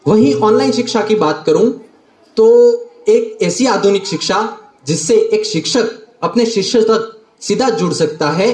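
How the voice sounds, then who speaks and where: High-voiced young man declaiming in a roomy hall. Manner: declamatory, repeating phrases for emphasis. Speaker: student debater. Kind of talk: formal debate speech. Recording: roomy echo.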